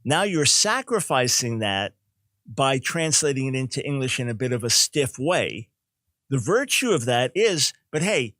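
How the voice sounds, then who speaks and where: An older man teaches on his call-in show, emphatic and explanatory, doubling back on words as he restarts a thought. His voice sits at an ordinary middle pitch. The sound is dry and close, with no room to it. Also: fairly bright tone, dry recording. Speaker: radio talk show host and Bible teacher.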